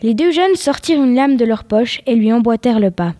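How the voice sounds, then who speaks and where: Woman reading a spooky story out loud, mellow voice, dry close sound, slips into whispers. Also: fairly high pitch, expressive, brisk, no room sound. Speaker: story reader.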